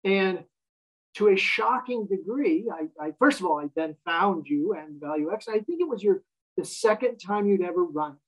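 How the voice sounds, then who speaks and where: In this low-quality recording, a wry fifty-something man from the United States chats as a guest in a relaxed interview. He speaks at a moderate pace with a high-pitched, expressive voice, telling stories in a self-deprecating way.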